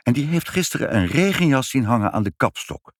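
Man reading as a fussy chatty mother, storybook voice, lively pitch, dry sound. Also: a little fast, dry recording. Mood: gossipy.

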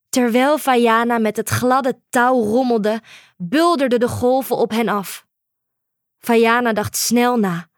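Woman reading a kids' story, slow and calm, dry close mic. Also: fairly high pitch, no echo. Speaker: narrator.

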